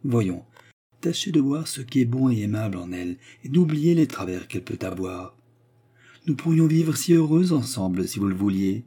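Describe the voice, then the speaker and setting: A man voicing a gentle, earnest young woman who speaks softly and pleadingly. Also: medium pitch, very animated, moderate pace, slightly rough, voice pushed up. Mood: coaxing.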